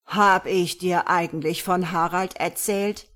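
A woman's voice: deep voice, slow, full character voice. Woman doing a spry, nervous elderly lady. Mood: scheming. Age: older.

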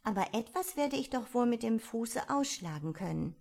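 A woman voicing the young girl Alice, talking to herself in a lively, wondering way. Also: fairly high pitch, moderate pace, gravelly, voice pushed up. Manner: lively, wondering self-talk.

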